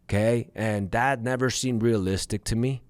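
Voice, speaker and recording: A man's voice: mid-range voice, steady tone, normal speed, darkish tone, no room sound. A man in his thirties hosting a show, telling a personal story to his listeners in a candid, profane way and calling them guys. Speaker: podcast host.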